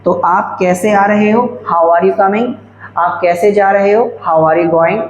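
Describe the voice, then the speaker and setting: A man teaching English grammar in a lecture, dictating example sentences slowly word by word. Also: high voice, steady tone. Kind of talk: classroom-style video lecture. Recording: echoey room, faint background hum.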